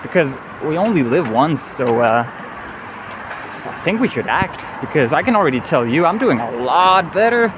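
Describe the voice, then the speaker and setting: A man with a Danish accent, a native speaker of Danish, rambles earnestly through a casual walking travel vlog outdoors on a city street, often dropping in "you know." His voice is a little high and sing-song, and his pace slightly slow. City traffic and vehicles are clearly recorded behind him.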